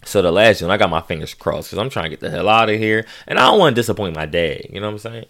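A man's voice: fairly low pitch, quick pace, creaky. A man hosting a podcast, telling a funny story casually and laughing as he goes. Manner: animated, laughing storyteller with voiced quotes. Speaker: podcast host.

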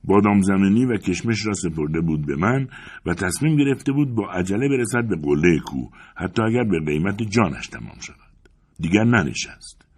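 A male audiobook narrator with a very low voice and a husky grain. He reads the novel expressively, and his pitch swings widely as he paints each scene. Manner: expressive, dramatic reading.

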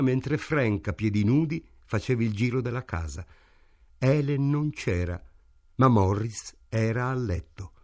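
Slow, measured male audiobook narrator. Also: mid-range voice, a little mellow, no room sound, clean studio sound. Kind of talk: literary audiobook reading. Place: radio studio.

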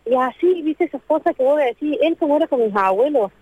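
A woman's voice: high-pitched, animated, dry recording. Distraught Argentine woman on a phone line. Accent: Argentine Spanish. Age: 30s. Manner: distraught, repeats herself, talks in long rushed runs. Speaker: interviewee on a radio show. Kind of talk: emotional phone interview. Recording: dry tinny phone line.

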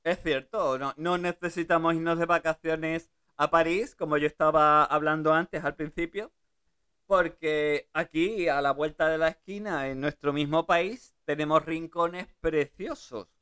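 A woman hosts a relaxed radio conversation, her voice smooth and clear. She talks in a chatty, easygoing way and laughs readily between thoughts. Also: sits low, measured pace. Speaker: radio host. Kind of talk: casual radio chat.

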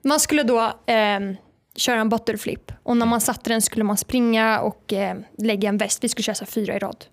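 En ung kvinna som gäst i en podd, som berättar livligt i lättsamt samtal och härmar andra. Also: female voice, on the high side. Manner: lively anecdote telling, acting out what others said. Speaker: podcast guest, footballer. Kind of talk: casual chat.

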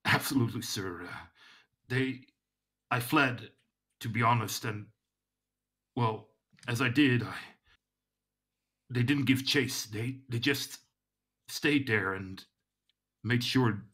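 A man's voice: mid-range voice, slow pace, pauses often, fairly bright tone, breathy edge. A shaken young town guard who stammers, halts and repeats his words, as a game master voices him in a tabletop adventure. His voice sits a little above the narrator's usual tone.

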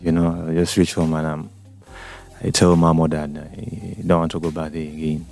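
A man from Uganda, a singer-songwriter guest on a radio interview, relaxed and hesitant with many ums. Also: extremely low pitch, normal speed, creaky, soft background music.

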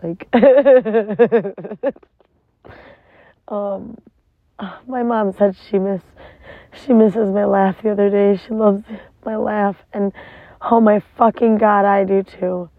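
Sitting in a parked car, a woman vlogger pours out a casual, rambling, emotional confession laced with frequent swearing. Her voice is medium-pitched and flat, her pace measured, and the tinny, phone-like recording has no echo.

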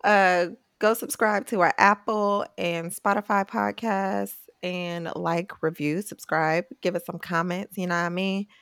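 A young woman co-hosting a podcast, signing off in a playful, sassy, slangy voice with a smooth radio tone. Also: lowish voice, fairly even intonation, unhurried, few pauses, a bit bright, dry recording, studio quality. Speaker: podcast co-host. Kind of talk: casual podcast chat. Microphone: video call.

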